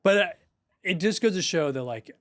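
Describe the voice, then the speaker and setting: A man co-hosting a podcast as a golf dad, telling his story with emphasis and swearing freely. His voice sits on the higher side for a man. The sound is dry and close, with no room in it. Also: expressive, normal speed, dry recording. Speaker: podcast co-host; golf parent. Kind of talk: casual storytelling chat.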